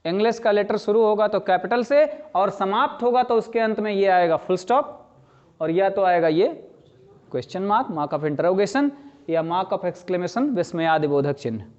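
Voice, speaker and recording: A man with a high-pitched voice gives a classroom lecture on grammar. He explains patiently, repeats his key points and checks whether the students have understood. The recording sounds dull and slightly lo-fi. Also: lively intonation, a little mellow. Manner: explains slowly, repeats key phrases, asks students questions. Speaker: language teacher.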